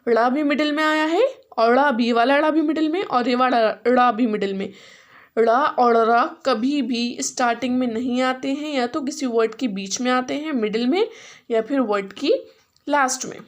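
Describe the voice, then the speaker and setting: A woman teacher with an Indian accent, mixing English and Hindi, spelling words out slowly syllable by syllable in a phonics lesson. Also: high voice. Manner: slow, syllable-by-syllable spelling aloud.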